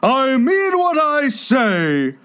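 A man voicing a melancholy, easily offended male mock turtle in a high strained voice. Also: big pitch swings, takes it slowly, full character voice. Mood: plaintive.

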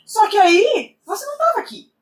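A woman retelling the lines of a calm teenage vampire boy from a book. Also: very high-pitched, fairly quick, voice pushed up. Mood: earnest. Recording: roomy, distant mic.

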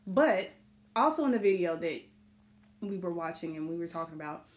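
A woman's voice: fairly low pitch, lively intonation, normal speed. A woman co-hosting a podcast in casual chat, giving her opinion emphatically. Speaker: podcast co-host.

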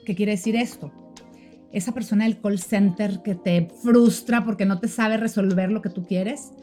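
A woman's voice: on the high side, darkish tone. A woman, a life coach giving an emphatic motivational talk on a live stream, full of rhetorical questions.

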